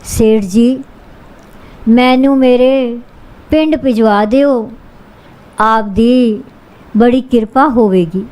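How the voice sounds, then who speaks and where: A woman's voice: fairly high pitch, slow pace, long pauses, a little mellow, rough recording. A woman reading the lines of a humble, grateful man healed of lame legs, in an earnest, pleading way.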